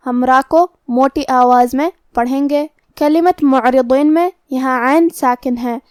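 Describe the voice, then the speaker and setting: A woman's voice: high-pitched, darkish tone, no room sound, clean studio sound. A woman explaining pronunciation rules for recitation step by step, in a methodical teaching manner. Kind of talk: explaining tajweed rules in Urdu, with slow Arabic recitation.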